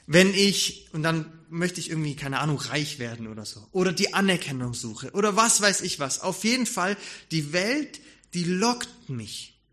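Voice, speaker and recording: Male preacher, casual sermon delivery, bright and fairly high voice. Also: lively intonation, moderate pace, hardly any pauses. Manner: informal, musing, acts out quoted speech. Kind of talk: conversational sermon.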